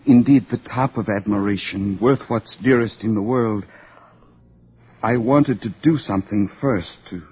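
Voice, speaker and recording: A man's voice: on the low side, measured pace, natural voice. A man playing an earnest, tormented young idealist in an old-time radio drama, speaking in a fervent, poetic, theatrical way. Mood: fervent, lovestruck. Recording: dull, lo-fi old radio recording.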